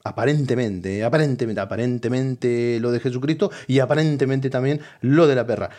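Middle-aged man, Rioplatense accent, mid-pitched voice, crude rambling stand-up monologue. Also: brisk. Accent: Rioplatense Spanish. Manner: crude, rambling and conspiratorial, with sudden loud outbursts. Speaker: comedian. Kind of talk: comic monologue.

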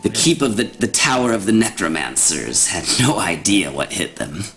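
A man's voice: sits low, big pitch swings, moderate pace, a bit bright, faint music behind, exaggerated voice. A man doing a cackling, gloating old hag. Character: scheming old female hag, mocking and menacing.

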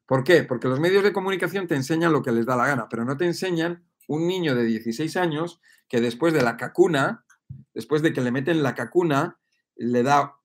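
A man giving an emphatic, repetitive motivational monologue. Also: a little high. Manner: emphatic and repetitive, often asking "¿ves?" and "¿vale?". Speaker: speaker on personal growth.

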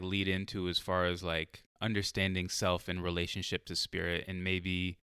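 A man hosting a podcast in a very deep, resonant voice, recorded dry and close. He asks long, reflective questions, rambling a little and filling them with "like" as he works out his thought. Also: sharp tone, clean tone, dry recording. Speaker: podcast host. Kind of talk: casual podcast interview.

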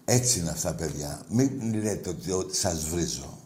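A man hosting a sports call-in radio show, answering callers with gruff, clipped, teasing replies. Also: low voice, lively intonation, dark tone, reverberant, a little hiss or hum.

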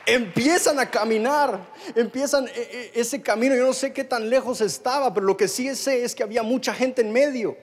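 Man, Guatemalan accent, preacher, high voice, storytelling sermon, repeats words. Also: moderate pace, hardly any pauses. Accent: Guatemalan Spanish. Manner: storytelling, with many repetitions and restarts. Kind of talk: sermon to a live congregation.

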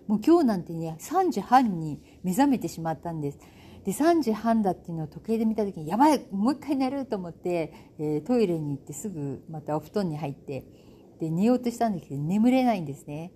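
A woman's voice: fairly low pitch, expressive, fast talker, dark tone, a little hiss or hum. A middle-aged woman hosting a casual solo talk, chatty and self-amused, with lots of fillers. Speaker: podcast host. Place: home in Bali.

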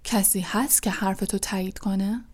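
A spiteful, thin male schoolmaster played by a woman reader hisses his taunts in a low, unvoiced whisper. The menace is kept soft and close, never raised, in a storybook audiobook reading. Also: steady tone, lightly acted. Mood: accusing.

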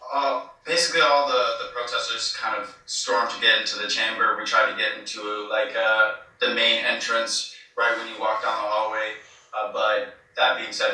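A man giving a hesitant eyewitness account, full of fillers and restarts, heard through low-quality streamed clip audio. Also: pushed and bright, heavy reverb, recorded from a distance. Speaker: eyewitness being interviewed. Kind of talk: casual spoken account.

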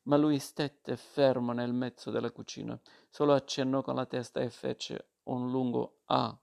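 A man reading literary fiction aloud as narrator, measured and steady, with a creaky voice. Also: mid-range voice.

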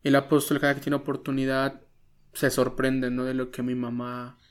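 A man, a pastor telling an emotional personal testimony in an interview, earnest and halting, often dropping to a hush. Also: medium pitch, little pitch movement, smooth. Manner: earnest, halting, many restarts, drops to a soft voice when quoting prayers.

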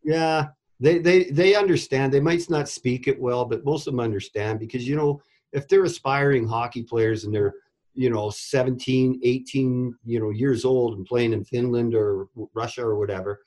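This man's mid-range voice holds a steady, darkish tone at a moderate pace. Middle-aged and once a goalie coach, he rambles through stories in a casual interview, repeating words as he restarts his sentences.

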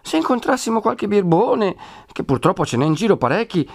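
A man's voice: sits high, sing-song, a little fast, no echo, pitched above the performer's own voice, exaggerated voice. A man voicing a timid, anxious old village priest who frets and grumbles. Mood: fearful.

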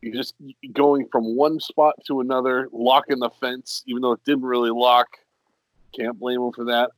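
Man, podcast guest, stuffed-up nose, halting, dry recording. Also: medium pitch, flat delivery, no room sound, low-quality recording. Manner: halting, restarts often. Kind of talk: casual chat. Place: home basement.

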